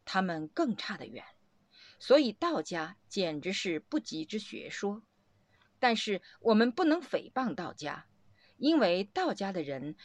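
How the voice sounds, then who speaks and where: A woman's voice: mid-range voice, no echo. A woman giving a Buddhist discourse to students as a teacher, explaining doctrine step by step in a didactic, sage-like manner.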